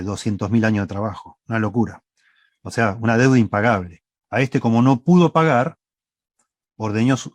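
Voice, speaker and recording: Male Rioplatense preacher, lowish voice, dry sound, teaching style, rephrases often. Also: darkish tone, dry recording. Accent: Rioplatense Spanish. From Argentina. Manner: explanatory, rephrasing with tag questions. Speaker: pastor. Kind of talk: sermon with Bible reading. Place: church.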